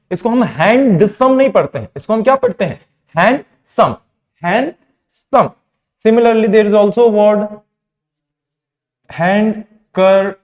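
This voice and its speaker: Teaching pronunciation to a class, a young Indian man switches between Hindi and English, raising questions only to answer them on his own. He has a high voice with a darkish tone.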